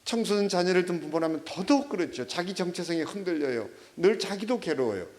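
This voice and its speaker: A middle-aged male pastor delivering a sermon in a fairly high voice. His pitch swings widely as he tells stories with animation, turning to check in with his listeners through quick rhetorical questions. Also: lively intonation.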